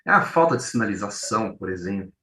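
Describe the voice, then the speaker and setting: A Brazilian journalist and co-presenter with a São Paulo accent talks fast in a fairly low, bright, forceful voice with lively intonation. His informal academic presentation is conversational, often repeating words and acting out everyday examples, recorded from a distance with roomy echo.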